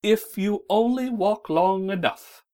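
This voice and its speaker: Reading a storybook, a woman voices a grinning, sly male cat at a medium pitch. Her lightly acted delivery is slow, loud and drawn-out, with a teasing quality.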